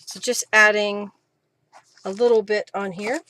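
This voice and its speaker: Unhurried and fairly even in intonation, a woman with a sharp-toned, mid-range voice hosts a craft livestream. Working with her craft materials, she informally talks through each step, thinking aloud to herself and viewers.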